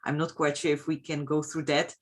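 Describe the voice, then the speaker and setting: A woman's voice: low voice, flat delivery, brisk. A woman hosting an online webinar over a video call, introducing her guest with many fillers and restarts. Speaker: webinar host.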